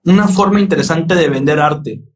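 A man's voice: fairly high pitch, normal speed. A man in his thirties from Mexico hosting an interview over a video call, casual and upbeat as he asks questions. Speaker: host. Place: home room with neon sign. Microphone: webcam on video call.

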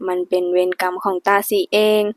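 A woman voicing an older mother who speaks in a soft, shaky, apologetic way in an audiobook. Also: a little fast, dry recording, natural voice. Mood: sorrowful. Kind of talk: audiobook character voice.

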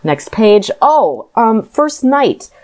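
A woman's voice: a little high, sing-song, drawn-out words, a little mellow. A woman co-hosting a podcast, recapping a book in a casual, sardonic way with many fillers. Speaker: podcast co-host.

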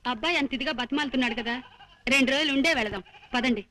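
A woman's voice: sits high, very fast, sharp tone. A doting, emotional middle-aged mother. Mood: touched. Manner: emotional, crying out.

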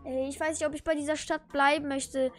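A woman voicing an excitable, whiny thirteen-year-old boy who talks in exclamatory slang in a Minecraft role-play video. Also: high voice, brisk, natural voice. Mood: puzzled.

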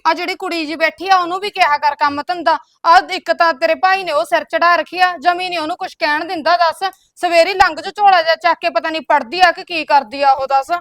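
A woman's voice: very high voice, steady tone, a little fast, hardly any pauses, a bit bright, no room sound, clean studio sound. A woman playing a bossy elder sister-in-law who nags and scolds in a comedy skit. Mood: nagging. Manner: scolding, keeps tagging lines with a curt "tell me".

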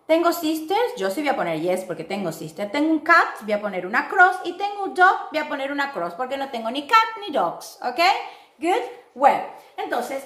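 A woman teaching kids English online, her high voice swooping up and down as she models words slowly and cheerfully. She sounds far from the mic in a very echoey room. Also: a bit bright. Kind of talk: online class for children.

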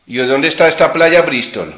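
A man's voice: a little high, lively intonation, normal speed, fairly bright tone, roomy sound. A man hosting a casual talk over a video call, blunt and scornful, firing off rhetorical questions. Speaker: host. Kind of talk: casual chat.

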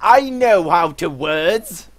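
A man voicing a pompous, prim British gentleman in a put-on posh British accent, scolding in a haughty, drawn-out way during game commentary. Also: high-pitched, lively intonation. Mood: indignant. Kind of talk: let's play commentary.

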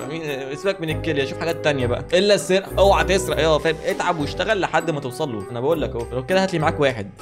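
Fast-joking Egyptian young man vlogging. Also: fairly high pitch. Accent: Egyptian Arabic. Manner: joking, rapid-fire banter, reading questions aloud. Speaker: YouTuber answering follower questions. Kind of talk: casual comedic vlog chat. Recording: music playing behind voice.

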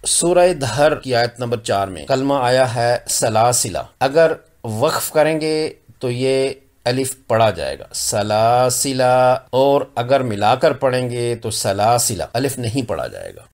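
A man from Pakistan teaching Quran recitation rules, repeating example words slowly and carefully. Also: mid-range voice, big pitch swings, darkish tone. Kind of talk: slow explanatory lesson with recited examples.

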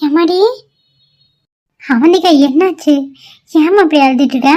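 A woman's voice: sits high, measured pace, darkish tone, faint music behind. A woman voicing an anxious, caring middle-aged mother-in-law in a cartoon, soothing and fretful by turns. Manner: soothing, fretful, calls on god. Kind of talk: cartoon voice acting.

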